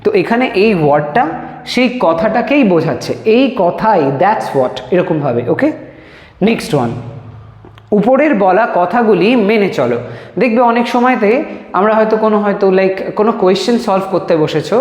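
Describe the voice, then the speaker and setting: A man teaching a spoken English lesson, explaining each sentence, then reading the examples out slowly and drawing them out. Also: high voice, animated, a little mellow. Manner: slow, drawn-out dictation of example sentences. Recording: echoey room with long reverb.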